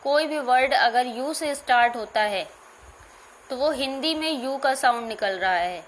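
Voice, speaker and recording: A woman teacher talks through a grammar lesson at an unhurried pace, spelling words letter by letter and repeating key points. Her voice sits a little high. A faint background noise runs under the recording. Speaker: school teacher.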